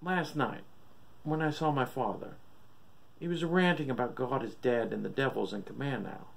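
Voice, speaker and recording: A man's voice: medium pitch, normal speed, vocal fry, lightly acted. A man voicing a troubled husband and son, earnest and questioning, in a horror story reading. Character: troubled adult son doubting God, shaken husband.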